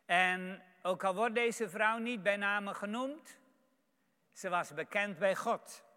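A man's voice: high-pitched, takes it slowly, smooth. A man preaching a sermon, reading a Bible passage aloud and then reflecting on it. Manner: reads scripture aloud, then comments warmly on it. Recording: echoey hall.

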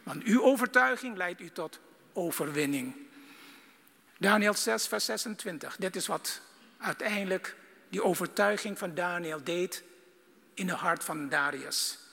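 Fervent preacher with a gravelly voice. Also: male voice, sits high, lively intonation, measured pace, long reverb tail. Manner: fervent, swinging from loud bursts to hushed lines. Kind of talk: sermon.

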